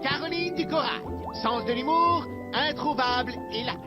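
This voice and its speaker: Hammy, high-voiced declaiming cartoon butler. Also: male voice, moderate pace. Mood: grandly declaiming. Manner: hammy stage actor, grandly declaiming. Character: pompous declaiming butler of a grand manor. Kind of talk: French cartoon dub. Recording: loud music behind.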